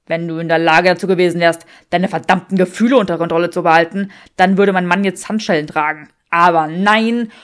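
A woman voicing an arrogant, scornful young wizard in a fan fiction audiobook, firing back loud, clipped retorts close to her own voice. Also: fairly low pitch, steady tone, a little fast, hardly any pauses, natural voice.

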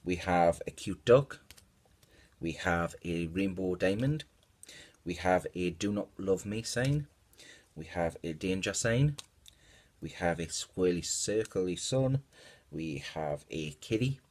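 A man's voice: sits low, lively intonation, slow pace, darkish tone. A man hosting a casual unboxing vlog, hurriedly listing stickers one after another into a tablet microphone. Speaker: vlogger.

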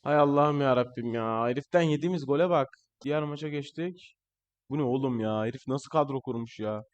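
A young man commentating his own football video game match, excitable and shouting at the players on screen, his voice a bit strained. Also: medium pitch, a little fast, lo-fi sound. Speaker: gaming channel host. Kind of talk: live gameplay commentary.

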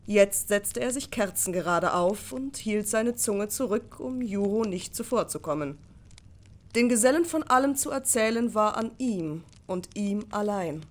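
Brief: woman audiobook narrator, expressive, steady mid pitch. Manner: expressive storytelling. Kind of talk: scripted narration.

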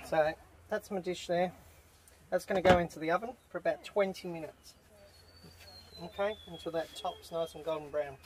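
A man walks through a simple recipe in an easy, chatty way, his voice sitting a little high for a man. He is recorded in a canvas tent at a campsite. The recording carries clear background noise. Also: normal speed. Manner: relaxed, chatty step-by-step instructions. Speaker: camp cooking host. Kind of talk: casual cooking demonstration. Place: inside a canvas tent camp kitchen. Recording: noisy outdoor camp recording.

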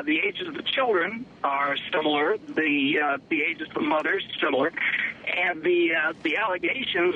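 A male defense attorney speaking in a phone-in interview, his voice muffled as if from the bottom of a well, with measured, careful legal phrasing. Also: fairly high pitch. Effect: muffled phone line, like at the bottom of a well. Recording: dull lo-fi phone line with faint hiss.

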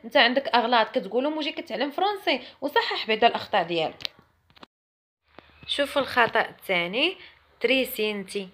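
A woman's voice: a little high, expressive, fast talker, pauses often, a bit bright, a little hiss or hum. A young woman with a Moroccan Arabic accent giving a chatty, emphatic French lesson to camera. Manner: chatty and emphatic, mimics others mockingly. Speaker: French teacher.

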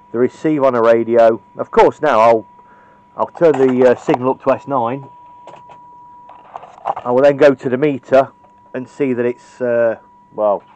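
With a mid-range, somewhat mellow voice, a British radio repair hobbyist delivers an informal, opinionated, hands-on tutorial in a blunt manner. He's indoors at a cluttered electronics workbench, and the camera's built-in microphone yields dull audio with a little hiss or hum.

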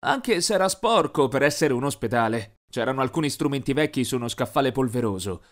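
A man's voice: mid-range voice, brisk. Guy narrating a cartoon story, bouncy voice that jumps all over. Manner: lively, expressive. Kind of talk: scripted animated story narration.

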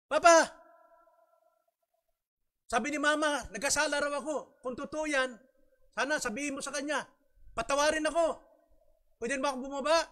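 A man voicing a young child who loudly begs a stern father for forgiveness. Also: extremely high pitch, steady tone, moderate pace, pauses often, voice pushed up. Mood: pleading. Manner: loud tearful begging.

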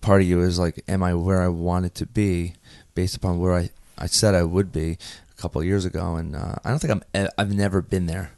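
Very low-voiced man telling stories. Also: a little fast, hardly any pauses, dry recording. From United States. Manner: animated, many fillers and restarts. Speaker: guest, performer and host. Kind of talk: casual interview storytelling.

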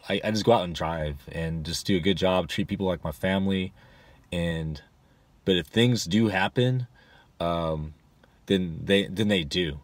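Recorded dry, a deep-voiced man in his forties sits in his parked car giving offhand advice to the dashboard camera. He's a rideshare driver, and he rambles, restarting often and leaning on fillers.

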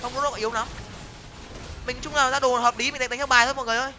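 A young man giving excited live commentary on his game, talking to viewers and repeating words in quick bursts. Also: very high voice, a little hiss or hum. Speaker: game streamer. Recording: music playing behind voice.

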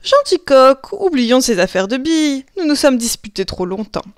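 A woman's voice: sits high, moderate pace, dry recording, clean studio sound. A woman voicing a sly, scheming male fox who sweet-talks and coaxes in a children's storybook reading. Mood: coaxing. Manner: honeyed, coaxing, bright and excited. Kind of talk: storybook voice acting.

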